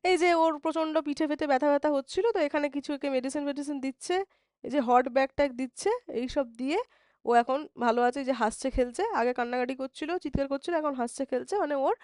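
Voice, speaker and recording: A woman with a Bengali accent teaching English vocabulary in a live online exam-prep class. She explains in Bengali, often checks "ঠিক আছে?", and reads English definitions slowly. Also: high-pitched, a little mellow, no room sound, studio quality.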